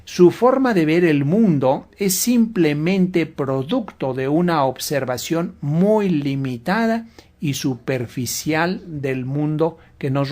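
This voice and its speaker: A man giving a measured, lecturing talk as a guest on a religious radio program. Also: on the high side, darkish tone.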